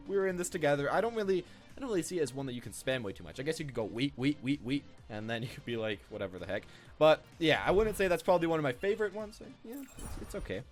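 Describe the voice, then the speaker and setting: A man hosts a casual gaming video with a very lively, swinging pitch, rambling off the cuff in gameplay commentary. He repeats his phrases, and faint music plays behind him.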